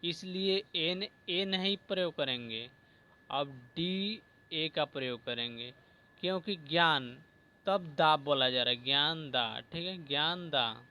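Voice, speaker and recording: Slow, bright-voiced male teacher. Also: a little high. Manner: slow, repeats words and says "ठीक है" often. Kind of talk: spelling lesson.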